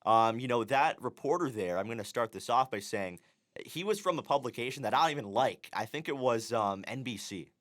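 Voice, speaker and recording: A man's voice: mid-range voice, a little fast. A young man with a Canadian accent co-hosting a podcast, talking casually with many fillers. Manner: relaxed, filler-heavy talk. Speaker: podcast co-host. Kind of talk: casual chat.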